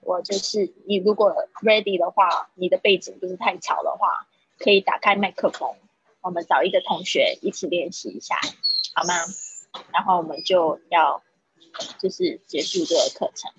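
A woman's voice: on the low side, steady tone, moderate pace, fairly bright tone, husky, dull audio. A woman teaching an online English vocabulary class, reading each word twice and explaining the sounds patiently.

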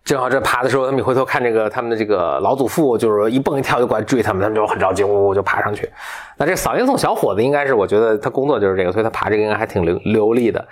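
A man's voice: lowish voice, lively intonation, racing. A man casually retelling a fairy tale in a chatty, loose manner. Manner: chatty, with frequent fillers and restarts. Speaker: storyteller.

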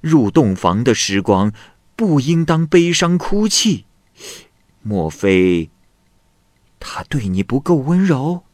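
A man's voice: medium pitch, big pitch swings, slow pace, long pauses, a little mellow, dry recording, clean studio sound, voice pushed up. A man putting on a chuckling fifty-something woman. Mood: chatty. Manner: cheerful, chuckling, prying. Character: genial worldly woman in her fifties.

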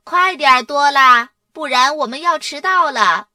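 A woman voicing a firm, sensible mother in a children's storybook, scolding gently. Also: mid-range voice, expressive, unhurried, no echo. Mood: urgent. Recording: distant mic, dry sound.

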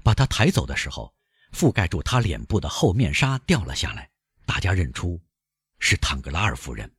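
Deep, husky male audiobook narrator. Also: moderate pace, no room sound, clean studio sound. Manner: dramatic, expressive reading.

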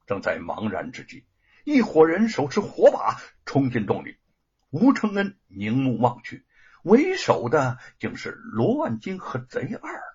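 A man narrating a serialized story with lively, dramatic delivery, on a dull lo-fi recording. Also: medium pitch, a little slow, slightly rough.

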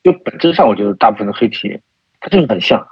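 Man, podcast guest, hesitant, lots of fillers, lower voice, dry dull recording. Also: lively intonation, fast talker, slightly rough, no echo. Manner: hesitant, many fillers and restarts. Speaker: guest, type researcher. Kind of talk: casual podcast conversation. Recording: dull lo-fi sound.

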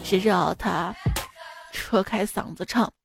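A woman's voice: mid-range voice, measured pace, vocal fry, slight background noise. A woman hosting a radio joke show, telling jokes casually and acting out the quoted lines, often laughing at her own punchlines.

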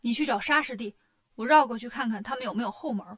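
A woman's voice: fairly high pitch, quick pace, close to an everyday voice. A woman voicing a monkey king, brash, impatient, storybook.

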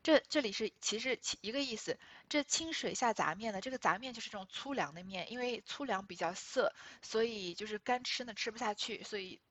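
Woman reading a classic novel and explaining it, lots of little uh pauses, dry close sound. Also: on the high side, a bit bright, no room sound. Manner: explanatory, with frequent hesitation fillers. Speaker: literature explainer.

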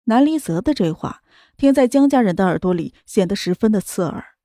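A woman narrating a romance novel as an audiobook in a steady storytelling manner. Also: medium pitch, a little fast, no room sound, clean studio sound.

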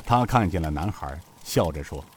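A man narrating a serialized novel as an expressive, measured storyteller. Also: rumbling low, a little hiss or hum.

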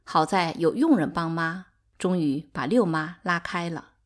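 A woman reading a novel aloud in calm, expressive narration. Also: lowish voice, measured pace. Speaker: audiobook narrator. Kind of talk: scripted narration.

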